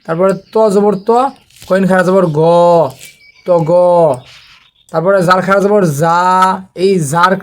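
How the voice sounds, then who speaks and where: Male teacher, higher voice, patient, methodical recitation drills. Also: little pitch movement, clean tone. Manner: slow, patient, repeats letter drills. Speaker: Quran reading teacher. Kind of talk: online recitation lesson.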